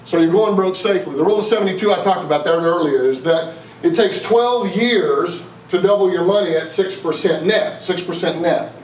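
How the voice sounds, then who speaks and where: Speaking a little fast, this East Texas investment speaker, a middle-aged man with a Texan drawl, keeps throwing questions at his seminar audience in a folksy manner during a live talk. His slightly high voice has a darkish tone. The mic sits far off in a big, roomy, echoing space, and faint noise hisses below.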